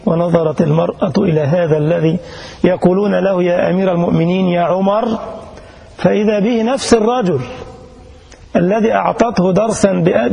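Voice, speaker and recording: A man's voice: high-pitched, gravelly, mellow, slightly rough. A man preaching in Egyptian Arabic, telling the story with dramatic passion and colloquial asides. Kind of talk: sermon storytelling.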